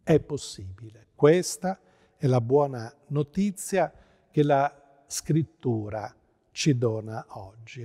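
Middle-aged Italian male pastor, measured sermon delivery, warm low tone, long church reverb. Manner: slow, measured preaching with emphatic stresses. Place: church with pipe organ behind.

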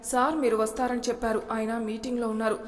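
A woman's voice: fairly high pitch, flat delivery, quick pace, echoey room, big-room sound, a little hiss or hum, close to an everyday voice. A woman voicing a courteous young receptionist in a storybook reading. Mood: polite. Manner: courteous, formal. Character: polite young female receptionist.

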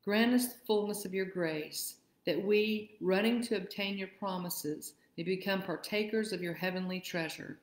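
A woman leading a church liturgy, reading prayers in a measured, steady way, with a roomy church echo. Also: medium pitch. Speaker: worship leader. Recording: echoey room.

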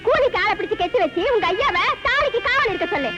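A sharp-tongued taunting villager. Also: female voice, extremely high pitch, expressive, fast talker. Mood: mocking. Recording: dull film soundtrack under loud music.

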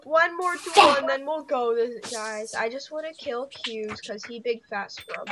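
A young woman casually commentating her own game play as a channel host, excitable and rambling. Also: fairly high pitch, unhurried, background noise. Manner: excitable, rambling, giggly asides.

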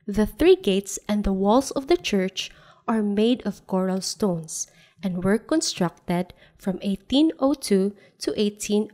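A woman narrates a documentary script at a medium pitch. Her reading is steady and measured, laying out facts in an even, informative tone. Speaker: voice-over narrator.

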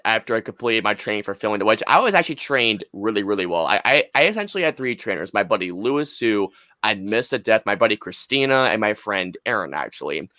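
On the low side but with big pitch swings, a man in his twenties talks fast with few pauses and a sharp tone. As a podcast co-host, he rambles emphatically through casual chat and stories, swearing freely. There's no room sound, just a close desk mic on a boom arm in a small home room.

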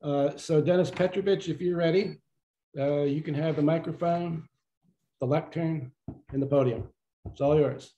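A man moderating an online workshop, introducing the next speaker in a relaxed way with some hesitant fillers. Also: a little high, normal speed, dull audio.

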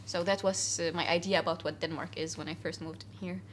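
Her pitch is fairly low and her tone steady as she talks a little quickly against slight background noise. She is a young Syrian guest in a relaxed cafe interview indoors, earnest and full of fillers and false starts.

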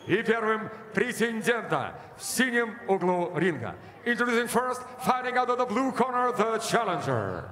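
Arena announcer guy, high bright voice, theatrical drawn out delivery, big echoey hall. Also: sing-song. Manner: projected, theatrical, with drawn-out shouted names and titles. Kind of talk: arena announcer introductions, formal and booming. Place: boxing ring in a large indoor arena. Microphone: handheld microphone. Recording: booming echoey arena PA with long reverb.

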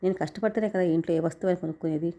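A woman's voice: on the low side, steady tone, rapid-fire, warm tone, natural voice. A woman reading the lines of a modest, hardworking young wife in a narrated story. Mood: earnest.

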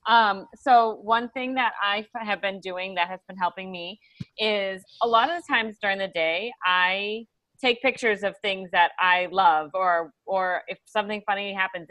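A woman on a team video call, explaining her routine in a lively way. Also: medium pitch, no room sound. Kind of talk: casual video call meeting.

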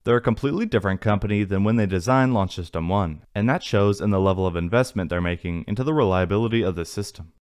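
A man narrating a technical script in an even, read-aloud manner. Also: on the low side, fast, hardly any pauses, clean tone. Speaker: narrator of a space news channel. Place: voice-over, not in the pictured places.

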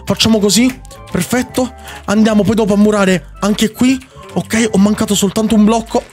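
A high-voiced young man narrates his game with excitable energy. He fires off the same words over and over and teases his rival. Faint music plays beneath his voice. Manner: excitable, rapid repetitions, teasing opponent. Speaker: Minecraft YouTuber. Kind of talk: gameplay commentary.

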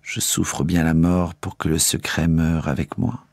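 A man voicing a dying young king who speaks low, slow and hushed. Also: little pitch movement, creaky, dry recording, studio quality, full character voice. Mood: grave, hushed.

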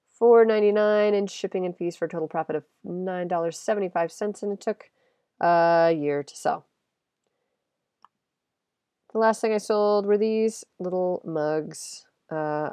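A woman's voice: on the low side, warm tone, no room sound. A woman with a congested, nasal voice from a cold, chatting casually through her sales recap, rambling and correcting herself. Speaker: eBay reseller vlogger.

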